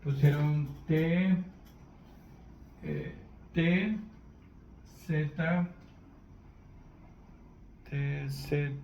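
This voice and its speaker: Slow, roomy-sounding man teaching scripture. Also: fairly high pitch, steady tone, darkish tone. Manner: unhurried, checks in with listeners, spells out words letter by letter. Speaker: Bible teacher. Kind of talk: Bible teaching. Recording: roomy echo, faint background noise.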